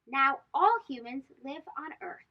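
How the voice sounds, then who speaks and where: In a measured pace, this read-aloud show host brings a children's storybook to life with her high, highly expressive voice. She leans on emphatic phrasing and poses questions to young listeners, and the recording has a somewhat dull quality.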